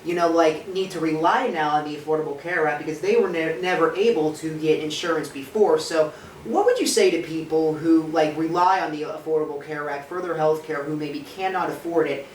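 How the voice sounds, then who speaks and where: A young adult American man, working as a student sports and news reporter and interviewer, speaks in a presentational, announcer-like broadcast style. His voice is a little high and a little fast. The low-quality recording carries slight background noise.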